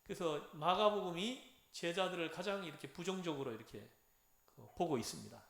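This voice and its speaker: A man giving a lively Bible lecture, acting out lines and having his class repeat them. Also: fairly high pitch, fairly quick, vocal fry. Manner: animated, acts out dialogue, has audience repeat phrases. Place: church lecture room. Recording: echoey room.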